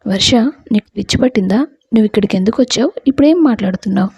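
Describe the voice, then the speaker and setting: A worried young husband who is devoted to his sick wife, as a woman storyteller plays him. He sounds pleading and quick to flare up, in a mellow, breathy voice. The recording is dry and close. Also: medium pitch, animated, no echo. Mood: angry.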